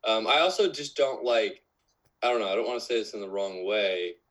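A man's voice: fairly low pitch, animated, a little fast, a bit bright, rough recording. A man of twenty-one, a musician guest in a casual podcast interview, talking in a rambling way full of fillers.

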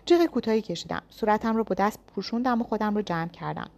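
A woman's voice: mid-range voice, gravelly, darkish tone. A woman reading a first-person thriller story aloud with tense, dramatic storytelling. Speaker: narrator.

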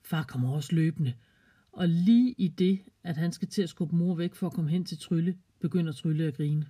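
A storyteller narrating a children's story in a calm, gently expressive way. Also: medium pitch, breathy edge.

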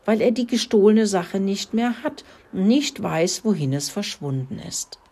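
A woman voicing a gentle, wise little female creature in a storybook reading, patiently explaining. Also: medium pitch, lively intonation, measured pace, breathy edge, pitched above the performer's own voice. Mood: lecturing. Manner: patient, lecturing.

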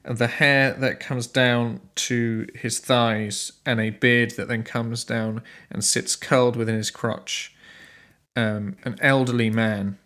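A man narrating an improvised tabletop game as game master, halting as he searches for words. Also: medium pitch, steady tone, a bit bright.

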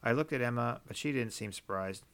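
A male audiobook narrator telling a story in a measured, even way. His voice is smooth and resonant, clear on every word. The pitch is in an ordinary middle range.

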